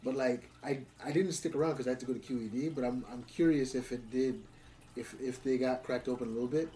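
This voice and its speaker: A man, a comedian co-hosting, chatting casually with short relaxed replies and questions. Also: mid-range voice, quick pace, distant mic, a little hiss or hum, poor audio. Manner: relaxed, brief back-channel replies. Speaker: stand-up comedian, co-host. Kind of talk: casual podcast chat.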